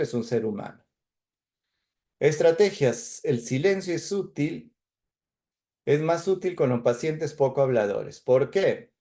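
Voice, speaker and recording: A man's voice: mid-range voice, dark tone. A man lecturing medical students in a university class, explaining step by step with many tag questions and fillers.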